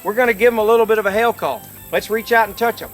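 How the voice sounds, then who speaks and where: A man's voice: high-pitched, steady tone, racing, soft background music. A middle-aged man giving an informal, folksy instructional demonstration, explaining step by step. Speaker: duck-calling instructor. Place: outdoors by a lake.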